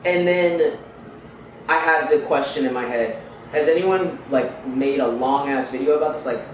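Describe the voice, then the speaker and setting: A man's voice: mid-range voice, normal speed. A young man from Houston, a podcast guest, talking in a laid-back, slangy way with lots of fillers. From Houston, United States. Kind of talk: casual interview chat. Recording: echoey room, far from the mic, faint noise.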